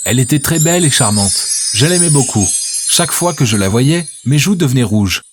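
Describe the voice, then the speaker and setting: A man narrating a scripted first-person story in a steady, earnest manner. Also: medium pitch, fairly quick, over music.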